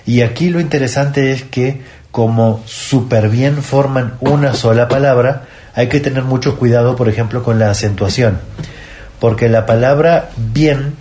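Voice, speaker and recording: A man with a Mexican accent explaining language rules on a radio segment, in a measured, didactic way, step by step. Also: medium pitch, steady tone, mellow. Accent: Mexican Spanish.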